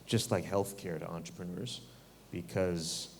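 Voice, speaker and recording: Deep, slow-speaking male panelist. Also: fairly even intonation, creaky, darkish tone, slight background noise. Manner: measured, thoughtful, with many fillers. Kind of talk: fireside chat on stage.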